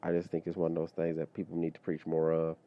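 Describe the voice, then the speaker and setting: Speaking quickly, a deep-voiced man rambles through his solo podcast in an easy, conversational way, looping back and tossing in fillers like "you know what I mean" and side remarks. His audio comes across slightly dull and lo-fi.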